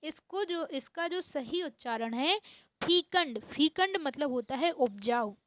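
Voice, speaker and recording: A woman teaching an English grammar lesson, reading each English sentence slowly and repeating it. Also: sits high, animated, poor audio.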